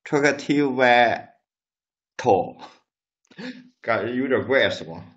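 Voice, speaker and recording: A man's voice: fairly low pitch, animated, takes it slowly, highs cut off. A man in a study group speaking hesitantly, stumbling and correcting himself over a voice call. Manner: hesitant, self-correcting, stammers.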